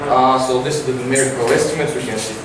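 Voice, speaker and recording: A man's voice: medium pitch, steady tone. Teenage boy presenting, echoey classroom. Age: teens. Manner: halting, many fillers. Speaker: student presenter. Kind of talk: science competition report. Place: large classroom with projector. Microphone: far camera. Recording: echoey room from far off, noisy.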